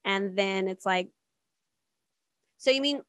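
A woman's voice: mid-range voice, slow, a bit bright, clear, resonant tone, no room sound, studio quality. A woman co-hosting a podcast, chatting casually and bluntly, laughing often and teasing her co-host. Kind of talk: casual chat.

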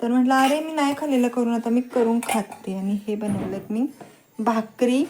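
A woman's voice: fairly high pitch, fairly even intonation, moderate pace, a little mellow, a little hiss or hum. A woman in her thirties with a rural Marathi accent, chatting casually to viewers in a family vlog and teasing her daughters as she films. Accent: rural Marathi, Satara region. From Maharashtra, India. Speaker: family vlogger and mother. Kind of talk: casual home vlog narration. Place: home with rain outside.

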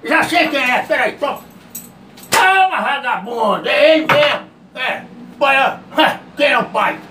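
A man playing a feisty old man who calls himself king, yelling insults and threats in a comedic sketch. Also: extremely high pitch, animated, measured pace, echoey room, far from the mic, background noise. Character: feisty old man, self-styled king, scolding a virus.

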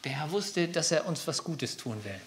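A male pastor preaching a sermon and leading prayer, fervent, repeating phrases, calling out hallelujah and putting quick questions straight to his listeners. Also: on the high side, lively intonation, a bit bright, a little hiss or hum.

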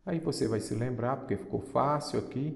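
A man's voice: medium pitch, brisk, vocal fry, darkish tone, reverberant, in a large hall. A male teacher with a Brazilian Portuguese accent, explaining exam questions step by step and answering his own questions. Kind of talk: exam-prep lesson.

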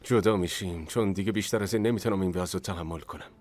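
A man's voice: sits low, darkish tone, natural voice. An actor dubbing a distraught young father in a TV drama, pleading and breaking into raised cries. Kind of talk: Persian dub of a TV drama.

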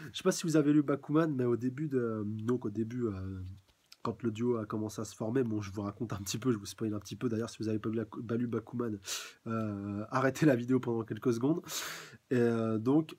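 A man's voice: mid-range voice, fairly even intonation, brisk, darkish tone, slightly rough. Young man hesitantly reviewing a manga. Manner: hesitant, many restarts and laughs. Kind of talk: casual live review.

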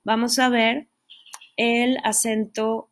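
A woman's voice: on the high side, little pitch movement, takes it slowly. Woman, patient explanatory teacher, keeps checking in with the class. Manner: explanatory, checks in with listeners often. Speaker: English teacher. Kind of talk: online pronunciation lesson.

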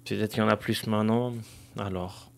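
A man's voice: lowish voice, steady tone, brisk, creaky. A young man casually commenting on a football career game, thinking aloud with many fillers and addressing viewers directly. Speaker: gaming streamer.

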